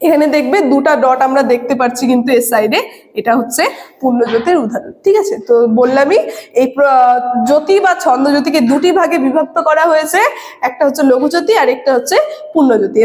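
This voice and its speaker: A woman's voice: sits high, a little mellow. Woman, teacher, classroom lecture, patient explaining, frequent check-ins, roomy reverb. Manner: explains patiently, often adds tag questions. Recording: echoey room reverb.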